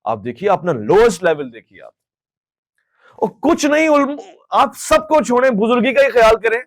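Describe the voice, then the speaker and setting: Impassioned high-voiced male host. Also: big pitch swings, dry recording. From Pakistan. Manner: impassioned, scolding, switches into English phrases. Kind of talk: public Q&A answer.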